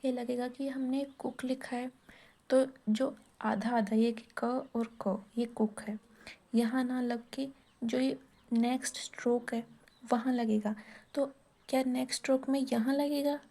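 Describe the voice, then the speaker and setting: A woman's voice: on the high side, steady tone, a little slow, creaky, mellow. A woman teaching shorthand in a casual step-by-step lesson, asking and answering her own questions as she writes.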